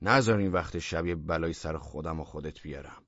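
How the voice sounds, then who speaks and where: A man's voice: very deep voice, fairly bright tone, no room sound, highs cut off, pitched below the performer's own voice. A man voicing a rude, pushy intruder in a blunt, bossy manner, in a storybook reading. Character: rude pushy man who broke into the flat.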